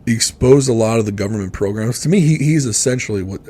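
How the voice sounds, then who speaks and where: Blunt husky man in his forties. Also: medium pitch, fast talker, warm tone. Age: 40s. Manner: blunt, profane, rambling. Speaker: podcast co-host. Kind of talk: casual podcast chat.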